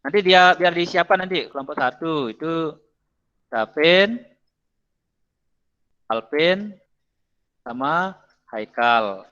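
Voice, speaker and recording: A male teacher speaks over a video call whose audio keeps breaking up and dropping out. His voice sits a little high and sounds bright and forceful. The sound is dull and lo-fi, and he patiently repeats himself. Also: lively intonation, slow, pauses often, smooth. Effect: choppy breaking-up call audio. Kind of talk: online class instruction.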